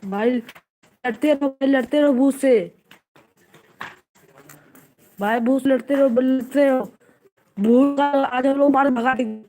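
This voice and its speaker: A woman narrating casually and excitedly, repeating urgent warnings over and over. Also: high voice, slow, pauses often. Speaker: vlogger narrating. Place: outdoor home courtyard at night.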